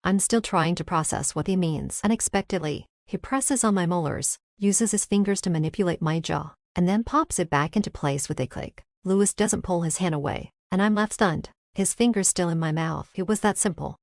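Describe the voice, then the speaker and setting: Woman narrator, first-person romance, low voice, wry, dry close sound. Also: normal speed, few pauses, a little mellow, no room sound.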